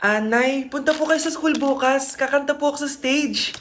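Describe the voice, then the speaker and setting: A woman's voice: high-pitched, moderate pace, fairly bright tone, a little hiss or hum, pitched below the performer's own voice. A woman voicing an eager little girl who pleads for her mother's attention.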